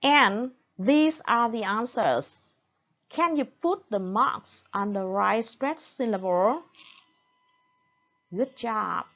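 A woman's voice: fairly high pitch, animated, a bit bright, dull audio. A woman English teacher with a Vietnamese accent, giving an online lesson and repeating each point in Vietnamese. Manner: careful, slow delivery.

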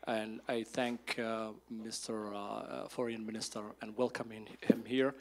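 A man's voice: fairly low pitch, flat delivery, measured pace, a little hiss or hum. A man from Somalia standing in the audience of a conference hall, giving an earnest, emphatic speech of thanks. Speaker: audience member. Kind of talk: speech from the floor.

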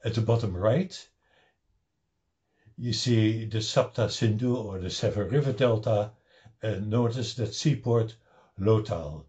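Recorded via webcam at home, this older man with a Dutch accent walks through a slideshow on his own paper at a slow, deliberate pace, dropping in wry remarks. His voice sits fairly low and sounds mellow, though the audio is dull.

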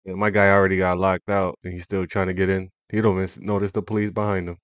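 A man's voice: low-pitched, level tone, fast, no room sound, clean studio sound. A man hosting a reaction video, talking casually with slang and laughing at what he watches. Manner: laid-back, laughing, colloquial slang.

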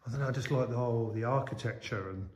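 A man's voice: medium pitch, quick pace, darkish tone. Chatty middle-aged man vlogging. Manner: chatty, rambling, often restarting sentences. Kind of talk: casual walking vlog chat. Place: outdoors in a village and inside a small stone church. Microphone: handheld camera at arm's length.

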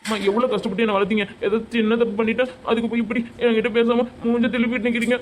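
A woman voicing a tearful young grown son in an animated family comedy-drama, crying and begging his mother's forgiveness. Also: on the high side, racing, a little hiss or hum, lightly acted. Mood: pleading, tearful. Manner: pleading and apologetic.

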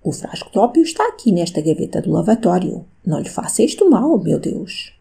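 A woman voicing a worried, loyal maid in an audiobook, anxious and imploring, rising high when alarmed. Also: big pitch swings, a little fast, creaky, mellow, slightly rough, exaggerated voice.

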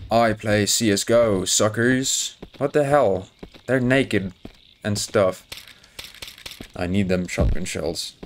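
A man playing a horror game, joking nervously and chatting to his in-game dog as he goes. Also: medium pitch. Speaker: gaming YouTuber. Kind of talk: horror game let's play commentary.

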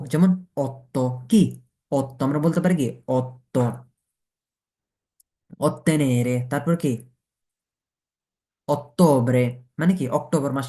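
A man's voice: a little high, a little mellow. A man teaching a beginners' language class, going letter by letter and asking and answering his own questions. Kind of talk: Italian pronunciation lesson taught in Bengali.

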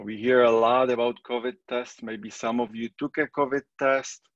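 A middle-aged man from the Czech Republic with a Czech accent, giving a relaxed, conversational recorded statistics lecture. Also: mid-range voice, no room sound, lo-fi sound. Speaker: statistics professor.

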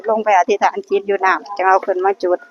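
With music in the background, a fast, medium-pitched woman whose voice barely moves in pitch speaks in an Isan (Northeastern Thai) accent. She's a temple-grounds vlogger guiding lottery luck prayers, earnestly and casually blessing viewers she calls brothers and sisters. The recording is dull, lo-fi, and faintly noisy.

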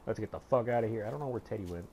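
Low-voiced, rambling, cursing young gamer guy. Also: very fast, dark tone, a little hiss or hum. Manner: rambling, swears often, mutters to himself. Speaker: let's play gamer. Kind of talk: casual gameplay commentary.

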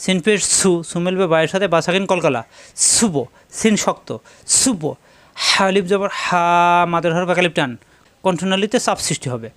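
A man teaching Quran pronunciation step by step, repeating syllables slowly to drill each sound. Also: sits high, a bit bright.

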